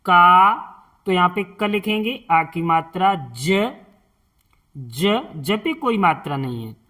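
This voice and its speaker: A woman teaching reading as a lesson, saying each word slowly and repeating it, then explaining the letters patiently step by step. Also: fairly low pitch, animated, bright, forceful tone. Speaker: Hindi teacher.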